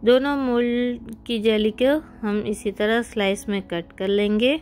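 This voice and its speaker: Woman, cooking host, recipe voice-over, friendly step-by-step instructions, fairly high voice, faint music behind. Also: steady tone, measured pace. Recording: soft background music.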